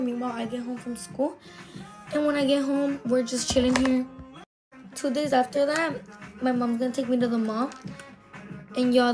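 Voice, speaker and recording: Young woman, casual gossipy storytime, higher pitch, faint background music. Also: darkish tone. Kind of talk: storytime vlog.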